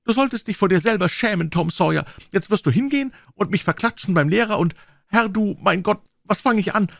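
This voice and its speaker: A man's voice: lively intonation, fairly quick, gravelly, no echo, clean studio sound, full character voice. A man voicing a young, hot-tempered schoolgirl who scolds shrilly through sobs. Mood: tearful reproach. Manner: shrill, sobbing reproach.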